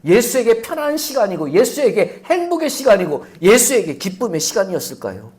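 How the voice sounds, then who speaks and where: A man preaching a sermon as pastor, animated and full of rhetorical questions to the congregation. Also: sits high, a little fast. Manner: animated, many rhetorical questions, acts out voices.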